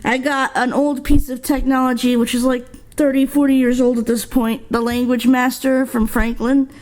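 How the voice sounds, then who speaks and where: An upbeat woman co-host in casual chat who laughs easily. Her voice is fairly high. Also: flat delivery, moderate pace, a little mellow, rough recording.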